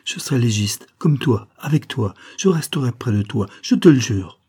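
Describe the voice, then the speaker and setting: A man voicing a frightened sixteen-year-old boy pleads in a raised, emotional voice. The voice is husky and darkish even when lifted. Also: medium pitch, moderate pace. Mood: pleading. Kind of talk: audiobook character voice.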